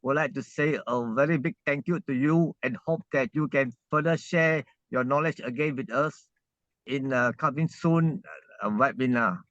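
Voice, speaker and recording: A man from Malaysia, speaking on a car speakerphone while driving. He gives halting thanks on an online call, with many uh's and restarts. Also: mid-range voice, a bit bright, no room sound. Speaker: webinar participant thanking the speaker. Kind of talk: casual spoken remarks on an online call. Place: inside a car. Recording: dull, muffled call audio from a car.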